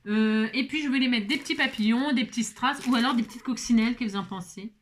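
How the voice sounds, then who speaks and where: A woman's voice: a little high, fast. A middle-aged woman chatting casually through a crafting tutorial, rambling, restarting and stammering, with self-mocking asides. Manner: stutters and restarts often. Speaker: craft vlogger.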